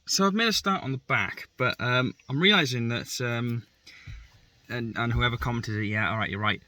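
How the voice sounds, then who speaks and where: A man's voice: medium pitch, moderate pace, bright, forceful tone. A man doing a casual, self-deprecating how-to narration while working on his car in a garage. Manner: chatty, self-deprecating, rambling. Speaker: car build vlogger. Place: garage workshop.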